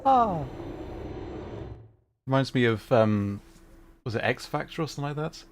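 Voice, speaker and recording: A man's voice: mid-range voice, fairly quick. A man with an English accent between Derbyshire and received pronunciation, rambling through casual gaming commentary with frequent fillers and laughs. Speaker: streamer.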